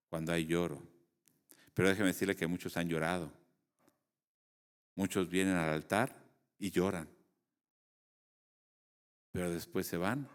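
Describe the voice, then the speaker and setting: A man's voice: low voice, clean tone. A man preaching a sermon, asking the congregation rhetorical questions and calling them brother. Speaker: pastor. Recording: long church hall reverb.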